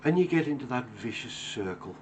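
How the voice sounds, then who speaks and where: A man's voice: mid-range voice, lively intonation, fairly quick, noisy background. A man in his fifties speaking earnestly to camera from his workshop, plain-spoken and reflective. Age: 50s. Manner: earnest, plain-spoken, acts out everyday dialogue. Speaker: woodworker. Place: home workshop.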